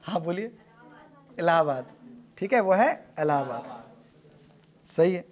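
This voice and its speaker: A male teacher running a brisk classroom quiz, calling on students and repeating their answers back. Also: on the high side, lively intonation.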